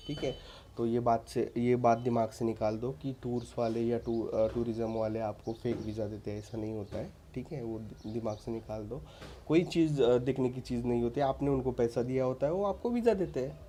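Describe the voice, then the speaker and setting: Man vlogger, warm mellow voice, chatty and insistent, faint hiss behind. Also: medium pitch, fairly even intonation, normal speed. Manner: informal, repeats "ठीक है" as a tag, frequent restarts; earnest and insistent, addresses viewers as friends. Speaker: vlogger giving visa advice. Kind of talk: casual advice talk to camera.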